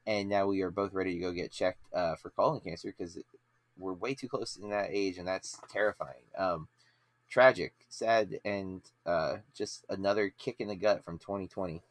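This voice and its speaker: He's a movie podcast host in his late thirties, his voice sitting low and his pace normal. The chat is casual and wandering, peppered with filler words and restarted sentences.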